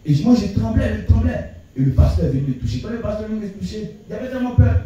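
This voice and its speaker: A man's voice: high voice, fast, lo-fi sound, slight background noise. Man testifying in an echoey church. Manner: animated storytelling with repetitions and stammers. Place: church hall. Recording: echoey church hall mic from a distance.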